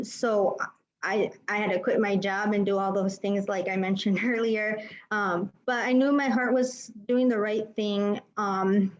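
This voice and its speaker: A woman on a career panel speaking candidly, with short laughs between her points. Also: medium pitch. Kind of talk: online panel talk. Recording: dull lo-fi audio.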